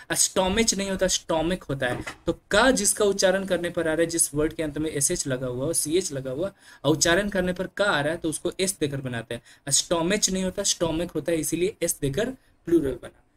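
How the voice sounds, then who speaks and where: A man teaching an English grammar lesson, patiently explaining and calling his students "dear children", clearing his throat now and then. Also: a little high, a little hiss or hum.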